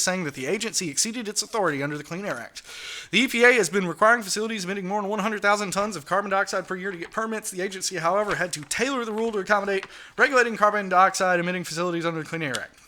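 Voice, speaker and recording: A man with a high, very bright and cutting voice runs a political talk show. He reads news items aloud, then breaks off into sarcastic, indignant rants laced with swearing. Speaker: podcast host. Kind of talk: ranting political commentary.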